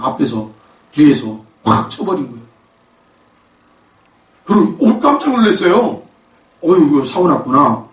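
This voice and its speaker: A male pastor preaching a sermon, emphatic, with rhetorical questions and bursts of raised voice. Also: high voice. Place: church sanctuary. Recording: echoey church hall from far off.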